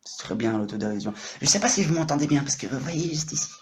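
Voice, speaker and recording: A talkative man in his late thirties with a French accent and a fairly high voice, chatting into his own microphone on a live stream. He rambles, jumps between topics and teases himself and his viewers. The talk sounds loose and improvised. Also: lively intonation, fast talker, a little mellow, a little hiss or hum. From France. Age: late 30s. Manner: teasing and self-mocking. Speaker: livestreamer.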